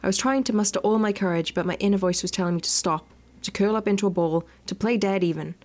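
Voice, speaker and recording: Streaming a video game, a woman gives expressive readings of the visual novel's text and mixes in teasing, crude commentary for laughs. Her mid-range voice is a little mellow and quick-paced, with game music in the background.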